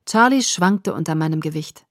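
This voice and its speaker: Soft-spoken woman reading a novel. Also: sits low, expressive, moderate pace, no room sound, studio quality. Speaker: audiobook narrator. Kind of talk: first-person novel narration.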